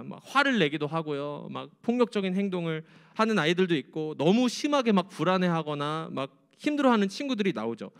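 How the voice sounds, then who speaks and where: A young man preaching to high school students in a church, chatty and joking. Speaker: youth pastor.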